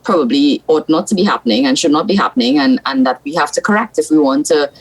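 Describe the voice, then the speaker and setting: A woman's voice: low voice, expressive, fast, slightly rough, low-quality recording. A woman from South Trinidad with a Trinidadian accent, a senator giving blunt, frank opinions as a guest on a political talk show.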